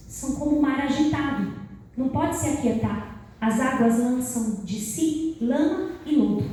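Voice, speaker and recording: A Brazilian woman with a high voice leads a church Bible study, slipping into lively acted-out quotes. She is heard from a distance in a very echoey hall. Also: slight background noise. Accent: Brazilian Portuguese. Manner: animated, acts out little quoted scenes. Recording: echoey room, voice from far off the mic.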